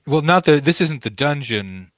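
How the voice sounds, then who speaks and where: A man improvising narration as game master of a tabletop game, often halting to search for words. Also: a little high, expressive, fairly bright tone, no room sound.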